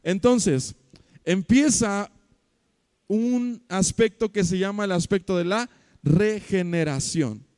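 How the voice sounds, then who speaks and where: High-pitched Mexican pastor preaching. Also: male voice, slow pace, smooth, dry recording, studio quality. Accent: Mexican Spanish. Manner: animated storytelling with acted quotes, swinging loud to soft. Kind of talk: sermon. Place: church hall.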